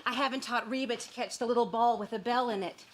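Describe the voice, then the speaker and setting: A woman's voice: fairly high pitch, steady tone, quick pace, a bit bright, a little hiss or hum, natural voice. An actress playing an eager, perky woman determined to help, in a sitcom. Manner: perky, eager, sing-song. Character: overeager, chirpy woman, would-be helper. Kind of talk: sitcom acting.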